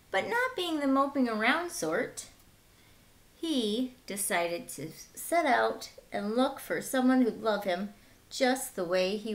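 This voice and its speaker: A high-voiced woman in her thirties reads a picture book aloud as a teacher would, using simple, deliberate phrasing for young children and adding short asides. She's indoors in a small room at home.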